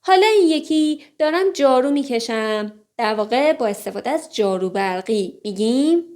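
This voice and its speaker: A woman whose first language is Persian, teaching English phrases, saying each one slowly and explaining the rest briskly. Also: a little high, animated, darkish tone. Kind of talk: language lesson.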